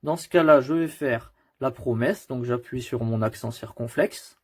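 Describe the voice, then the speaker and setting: A man's voice: medium pitch, moderate pace, a little mellow. Patient French-speaking man teaching keyboard tricks. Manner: patient, step-by-step explaining with direct address. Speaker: computer tutor. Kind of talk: screen-recorded keyboard tutorial.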